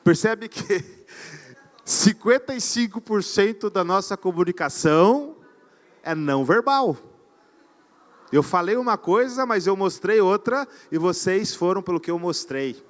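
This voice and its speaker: A man with a fairly high voice delivers a live sales talk from an event stage. He speaks with energy and keeps firing questions at the audience to pull them in. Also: animated, unhurried. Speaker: conference speaker.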